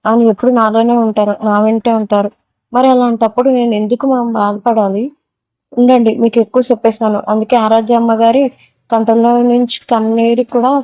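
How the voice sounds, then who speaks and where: A woman's voice: fairly high pitch, dark tone, no echo, low-quality recording. A woman reading a romantic story aloud, giving every character's lines in the same narrating voice.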